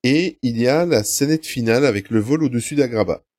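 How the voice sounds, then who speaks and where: A man's voice: mid-range voice, fairly quick, no echo, clean studio sound. A man hosting a casual podcast quiz in a playful way, reading out questions and answer choices. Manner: animated, playful, reads quiz options aloud. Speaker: podcast host and quizmaster.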